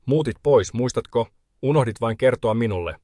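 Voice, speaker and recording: A man voicing an unshakable widowed grandmother who speaks calmly and coldly. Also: medium pitch, dry recording, studio quality, natural voice. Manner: calm, clipped, cold. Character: cold, unshakable widowed grandmother, older woman.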